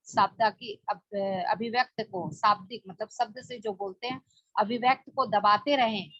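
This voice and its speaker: A woman's voice: on the high side, a bit bright, dry recording. A woman leading a spoken book study, explaining plainly with rhetorical questions. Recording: dull lo-fi dry recording.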